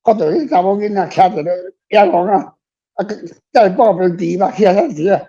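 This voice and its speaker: On a radio show, an older man with a Taiwanese accent talks about his book casually and reflectively, rambling, frank, and self-deprecating. His voice is high-pitched, dark, and husky at normal speed, captured on a dull lo-fi recording.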